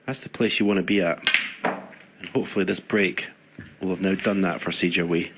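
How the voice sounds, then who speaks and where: Low, bright-edged male snooker pundit, hushed. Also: fairly even intonation, normal speed, poor audio. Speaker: snooker co-commentator, analyst. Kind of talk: hushed, conversational expert snooker commentary. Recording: faint background noise.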